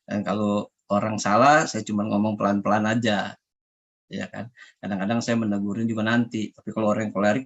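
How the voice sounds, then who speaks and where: A man's voice: fairly low pitch, creaky, muffled recording. A man preaching as a pastor, talking to the congregation in a chatty, conversational way and often calling them brothers and sisters. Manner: conversational, repeatedly addresses the congregation as "saudara". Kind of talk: sermon.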